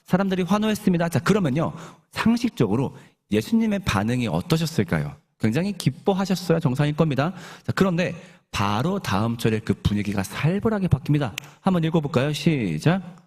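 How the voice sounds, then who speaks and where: Male pastor, sermon, conversational storytelling, asks the congregation questions, husky voice, lively pitch. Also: fairly quick. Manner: questions the congregation and leads group Bible reading.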